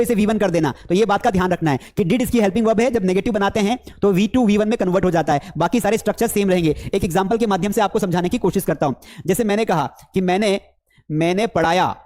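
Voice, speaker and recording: A man's voice: high voice, a little mellow. A man teaching English in a live online class, with a Hindi accent, coaxing students with repeated questions.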